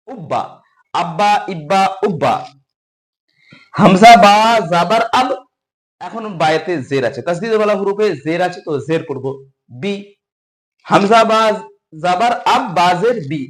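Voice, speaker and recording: A man with a Bengali accent teaching Quran reading, slowly spelling out Arabic letters and repeating syllables for learners. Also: high voice. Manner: slow, patient drilling with repeated syllables.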